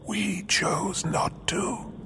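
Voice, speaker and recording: A man voicing a sinister adept merged with an alien hive, speaking in a slow, breathy, gravelly whisper that rises into cries. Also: high-pitched, steady tone, bright, forceful tone, voice pushed up, heavily acted. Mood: gloating whisper. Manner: slow, hissing, gloating, rising to cries. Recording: noisy background.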